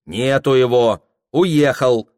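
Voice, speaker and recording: A man's voice: medium pitch, takes it slowly, darkish tone, no echo, clean studio sound, lightly acted. A man voicing a grumbling older village cook who scolds in a folksy, sighing way. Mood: folksy scolding.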